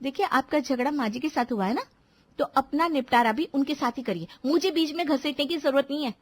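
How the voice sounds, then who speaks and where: A woman's voice: high-pitched, a little fast, lightly acted. A woman voicing a young newlywed wife who argues back defensively with her husband. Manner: defensive, exasperated. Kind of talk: Hindi cartoon voice acting.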